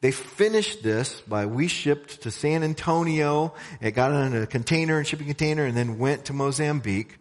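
A man's voice: a little high, expressive, normal speed, few pauses. A man from a missions organization telling a story to a church congregation in a conversational way, with asides to the audience. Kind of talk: church talk. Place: church sanctuary. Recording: long hall reverb.

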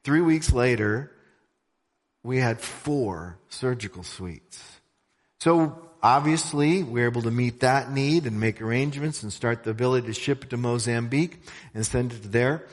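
A man's voice: mid-range voice, moderate pace. Man speaking in a reverberant church. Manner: storytelling, conversational, with asides to the audience. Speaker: missions organization representative speaking at a church. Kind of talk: church talk. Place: church sanctuary. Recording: long hall reverb.

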